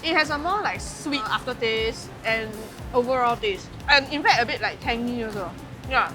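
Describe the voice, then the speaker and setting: Bubbly high-voiced Singaporean woman. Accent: Singaporean English. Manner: bubbly, expressive, quick to laugh. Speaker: food show co-host. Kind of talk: casual food review chat. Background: background music.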